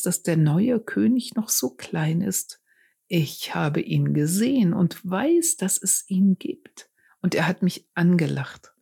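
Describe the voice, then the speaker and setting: Woman doing old shepherd Micha, hushed. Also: on the low side, vocal fry, husky, exaggerated voice. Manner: slow, hushed, partly whispered. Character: old male shepherd dreaming of a king.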